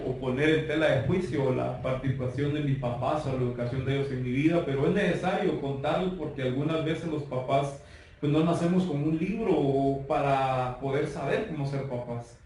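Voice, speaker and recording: A man turning forty with a Guatemalan Spanish accent, telling his life testimony in an earnest, measured way. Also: mid-range voice, darkish tone. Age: 30s. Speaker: guest giving testimony. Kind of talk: personal testimony. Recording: roomy far-off mic with faint noise.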